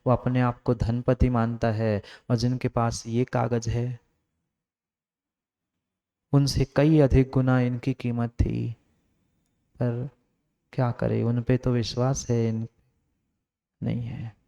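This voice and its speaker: Man preaching with emphatic repetition, smooth voice. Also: medium pitch. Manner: emphatic, repetitive exhortation, swings from raised to hushed. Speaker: Jain monk preacher. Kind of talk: sermon.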